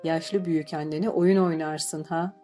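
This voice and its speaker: A woman's voice: low voice, fairly even intonation, measured pace, dark tone. Woman doing a playful old granny murmuring and scolding, faint music under it. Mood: teasing. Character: teasing, playful old grandmother.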